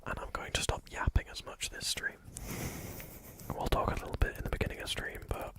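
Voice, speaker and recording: Whispering a little fast into a fluffy mic, a man jokes with his ASMR livestream viewers and keeps repeating his greetings in a playful way.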